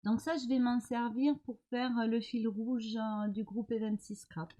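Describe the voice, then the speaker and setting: Middle-aged woman, crafting vlogger, unhurried and hesitant with lots of fillers, soft warm tone. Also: fairly high pitch, steady tone, poor audio. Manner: hesitant, many pauses and fillers. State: recovering from illness. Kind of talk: casual show-and-tell of mail.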